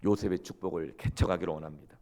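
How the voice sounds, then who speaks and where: A man's voice: low voice, steady tone, fast, gravelly, mellow. A male pastor from South Korea preaching a sermon in an emphatic storytelling manner.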